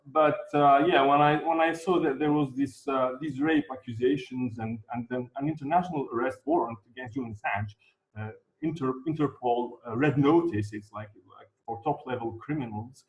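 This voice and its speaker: A man from Algeria, an activist guest speaking in a live online interview, halting with many fillers and repeated words. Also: mid-range voice. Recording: echoey, dull lo-fi remote audio.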